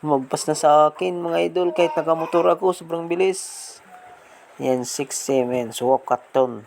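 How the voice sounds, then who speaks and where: A man with a slight lisp from missing front teeth, giving excited casual commentary as a vlog host outdoors. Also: a little high, moderate pace, vocal fry. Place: outdoors on a rural road, partly riding a motorbike. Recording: outdoor noise, passing motorbikes.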